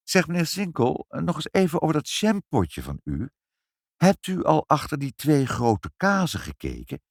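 A man voicing a brisk, knowing mother in a children's audiobook, speaking in a matter-of-fact way. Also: fairly high pitch, huge pitch swings, creaky, dry recording, studio quality, pitched above the performer's own voice, heavily acted.

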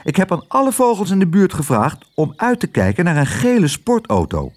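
A man's voice: high voice, huge pitch swings, a little fast, voice pushed up, exaggerated voice. A man doing a bossy cawing crow. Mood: commanding. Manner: brusque, cawing outbursts. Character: cheeky bossy male crow, quick and sharp.

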